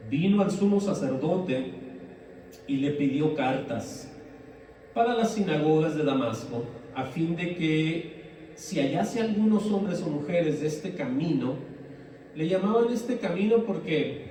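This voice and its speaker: Pastor preaching in an echoey hall. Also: male voice, fairly high pitch, expressive, a little slow, warm tone, slight background noise. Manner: earnest, reads scripture aloud and explains it conversationally. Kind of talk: sermon. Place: church hall. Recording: very echoey room, voice from far off.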